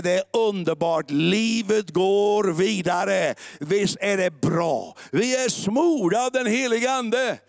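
A man preaching a sermon as pastor, moving between loud declaring and quiet musing, with English words mixed in. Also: high voice, gravelly, dry recording, studio quality. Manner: mixes English words into the talk.

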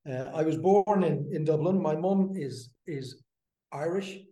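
A man in his fifties from the Netherlands, a brewery co-founder, talking as a podcast guest in a halting, filler-filled way. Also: fairly high pitch, mellow, roomy sound. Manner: halting, many fillers and restarts. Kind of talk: casual interview.

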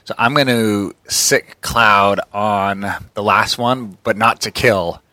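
Low, crisp-edged man at a game table. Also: steady tone, slow, bright, forceful tone, no echo. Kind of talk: casual game chat.

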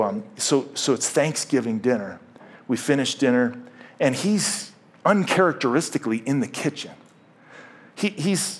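A man's voice: mid-range voice, husky. A middle-aged man preaching a sermon as pastor, joking often and stumbling over repeated words. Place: church.

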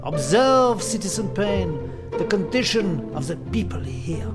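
Showy french revolution official, hammy over-the-top delivery, loud music behind. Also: male voice, sits high, animated, measured pace. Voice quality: theatrical, exaggerated mock-French delivery. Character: fussy, flamboyant French revolutionary official, male, adult. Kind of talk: comic musical theatre acting with song.

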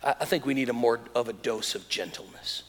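A man in his thirties preaching a sermon, telling stories with animated swings between soft, hushed lows and loud exclamations. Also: fairly quick. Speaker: pastor. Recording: long hall reverb.

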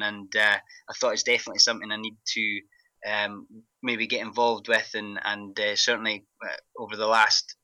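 A man with a thick, broad Scottish accent giving casual, halting interview answers, often repeating words as he goes. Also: lowish voice, bright, forceful tone, no room sound, low-quality recording. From Glasgow, Scotland. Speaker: interview guest, parkrun event organiser.

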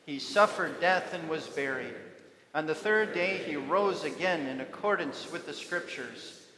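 Male pastor, measured liturgical recitation, echoing church reverb, congregation clearly heard. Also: fairly high pitch, crowd noise. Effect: long echoing church reverb. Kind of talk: leading liturgy and prayer. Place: church sanctuary. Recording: echoey church hall with congregation.

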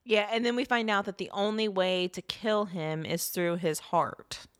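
A woman co-hosting a podcast, casually recapping a horror film scene by scene in an animated way, often laughing. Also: medium pitch, normal speed, clear, resonant tone. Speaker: podcast co-host. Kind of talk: casual movie recap chat.

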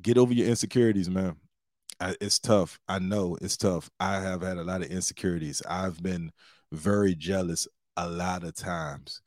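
Low-pitched man, casual dry podcast monologue. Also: steady tone, moderate pace, no echo. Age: 40s. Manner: slangy, big-brother advice-giving tone. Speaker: podcast host and stand-up comedian.

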